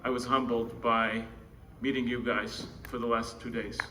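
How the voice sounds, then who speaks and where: In a mid-range voice with a level tone and normal speed, a man from the Czech Republic with a Czech accent informally introduces a co-founder at a conference. A distant microphone in the indoor room captures faint noise and ambient sound.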